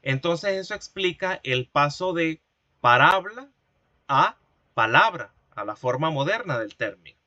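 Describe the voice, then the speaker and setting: A man teaching an online linguistics class, explaining slowly and patiently, repeating key terms and asking rhetorical questions. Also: a little high, very animated, pushed and bright, dry recording, highs cut off.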